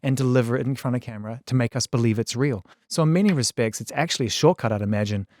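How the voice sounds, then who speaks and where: A middle-aged man hosting an interview, talking fast and emphatically, repeating himself for stress. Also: medium pitch, a little mellow. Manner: fast, enthusiastic, emphatic and repetitive. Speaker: interviewer, host. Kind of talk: casual conversational interview.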